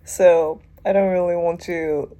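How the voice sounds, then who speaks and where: In an unhurried, steady, dark-toned voice of fairly low pitch, a young language teacher with a Japanese accent talks casually for her vlog. She comes across as unsure and self-deprecating, constantly saying "like" and "I don't know."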